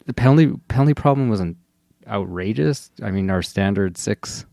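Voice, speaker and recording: A man's voice: fairly low pitch, animated, normal speed, vocal fry, dark tone, no echo, clean studio sound. A man co-hosting a sports podcast in casual hockey chat.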